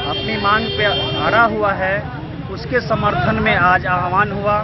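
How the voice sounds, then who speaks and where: A man's voice: high voice, steady tone, unhurried. A man answering a reporter at an outdoor street protest. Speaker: protest leader being interviewed. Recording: dull, very noisy street recording.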